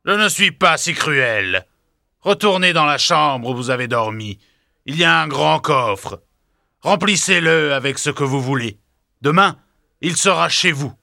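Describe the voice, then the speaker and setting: A man voicing a fearsome male beast who speaks sternly and commands loudly in an audiobook story. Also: on the high side, animated, unhurried, vocal fry, no room sound, studio quality, full character voice. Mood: gruff. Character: fearsome male beast, castle lord, harsh. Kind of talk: audiobook drama.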